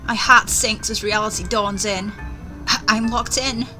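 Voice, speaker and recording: A female gaming-video host reads a story in a theatrical way, dropping in casual commentary as she goes. Her mid-range voice is steady, measured, pushed, and bright, with faint music underneath.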